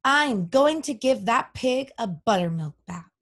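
A woman voicing a brisk, determined farm wife who insists on having her way, in a storybook reading. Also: a little high, lively intonation, pitched above the performer's own voice. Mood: insistent. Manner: bossy and insistent.

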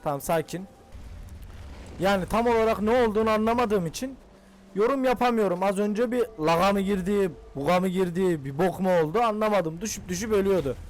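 A young man hosting a gaming channel, giving excitable casual commentary and shouting at the game characters. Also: high voice, fairly quick.

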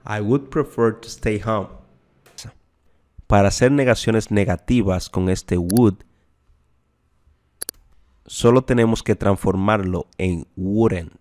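A man teaching a language lesson, slowly repeating each example sentence. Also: fairly low pitch, darkish tone, no echo. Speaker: English teacher.

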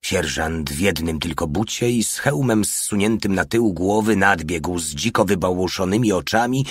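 A man reading a war audiobook in steady, dramatic narration. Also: low voice, normal speed, breathy edge. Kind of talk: scripted narration.

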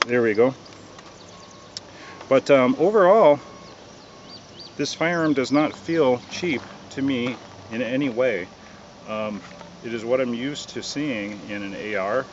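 A man giving a casual, relaxed product review outdoors, hesitant and full of ums and uhs. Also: medium pitch, takes it slowly, pauses often, muffled recording, slight background noise. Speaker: gun reviewer.

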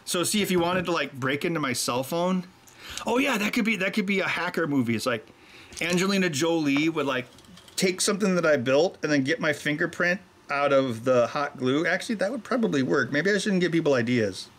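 This middle-aged man's voice is fairly high and a bit bright, with lively intonation and a fairly quick delivery. An electronics maker and show host, he chats at his workbench about his soldering and keeps veering off into jokes.

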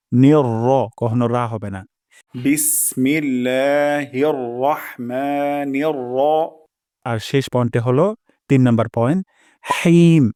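A man of middle pitch gives a recitation lesson, close to the mic with no room sound at all. He explains in a plain teaching voice and breaks into slow, drawn-out demonstrations, repeating each sound carefully. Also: dark tone, dry recording. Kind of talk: pronunciation lesson.

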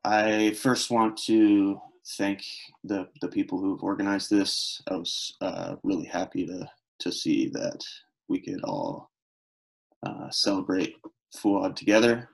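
Solemn young man, slow and halting. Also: low-pitched, expressive, vocal fry, low-quality recording. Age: young adult. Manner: solemn, halting, struggling to speak. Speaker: friend giving a memorial tribute. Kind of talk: unprepared memorial speech. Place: small room at home, indoors. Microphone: video call, computer microphone.

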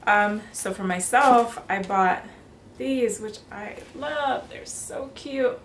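A woman in her thirties chatting casually to camera in a room at home, bubbly and quick to laugh. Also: fairly high pitch. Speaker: fashion vlogger. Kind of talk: casual haul chat. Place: bedroom or apartment, indoors. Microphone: camera on tripod, mid-distance. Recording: roomy, noisy indoor recording.

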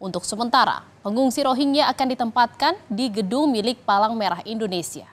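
Fairly high-voiced woman news anchor. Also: brisk. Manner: crisp formal delivery. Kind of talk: studio news reading. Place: TV studio.

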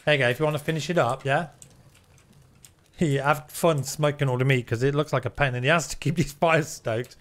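A man's voice: medium pitch, normal speed, a bit bright. A man giving casual, chatty live gameplay commentary with some teasing. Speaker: game streamer.

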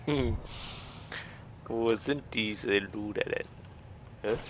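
A man's voice: on the low side, drawn-out words, background noise. A man in casual banter over a shared game, teasing his partner and commenting on his own moves. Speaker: let's play co-player.

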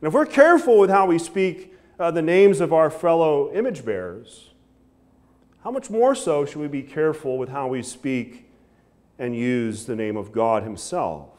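A pastor in his thirties preaches at a wooden pulpit in a church sanctuary, with a slightly high voice. His pitch swings widely as he gestures and drops to low endings on key phrases, often checking in with "right?". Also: moderate pace. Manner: animated preaching with frequent "right?" asides and hand gestures. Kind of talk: sermon.

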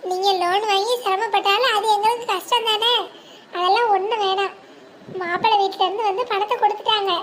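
A voice actor playing a cheerful woman in a family cartoon drama, speaking in a lively, explaining way. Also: very high-pitched, brisk. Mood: relieved.

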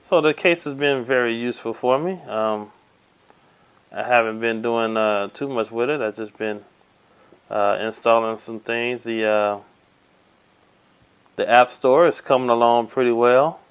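A man's voice: mid-range voice, a little slow, pauses often, clean tone. A man giving a casual hands-on tech demo at a table indoors, narrating each step with frequent ums and uhs. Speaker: tech reviewer. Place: indoors at a table by window blinds.

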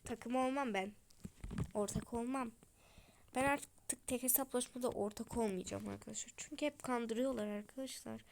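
A fairly high-pitched woman talks her viewers through a round of play in a chatty, whiny way. She grumbles and begs at the game, and every so often drops into a quick whisper. A faint hiss sits under her voice. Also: steady tone, gravelly, a little mellow. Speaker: gaming channel host. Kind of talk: casual gameplay commentary.

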